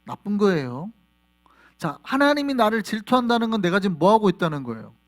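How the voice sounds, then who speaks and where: A male pastor preaching a sermon in a church, animated and quizzing the congregation with questions. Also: high-pitched, a little fast. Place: church sanctuary.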